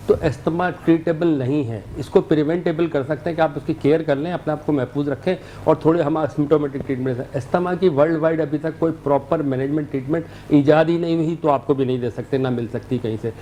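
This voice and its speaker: Calm Pakistani doctor with a mellow voice. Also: male voice, fairly high pitch, fairly quick, a little hiss or hum. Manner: calm, explanatory. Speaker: doctor guest. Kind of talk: medical advice on a TV show.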